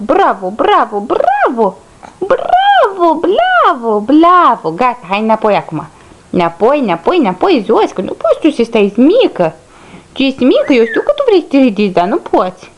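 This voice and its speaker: Mom doing high bouncy baby talk to her little girl at home, lots of repeating. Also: very animated, a little mellow. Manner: sing-song coaxing, repeated words. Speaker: mother.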